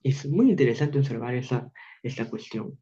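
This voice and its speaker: A man giving an online university literature lecture, explaining patiently and slowing down to read verse lines with heavy stress. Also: mid-range voice, expressive, dark tone, breathy edge, lo-fi sound. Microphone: video call.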